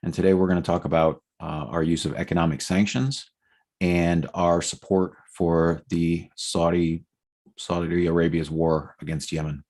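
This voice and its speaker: Male presenter, deep and creaky, loose explanatory delivery full of restarts. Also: darkish tone. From United States. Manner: unscripted, with fillers and restarts. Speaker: presenter of a policy platform. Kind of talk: explanatory talk on policy.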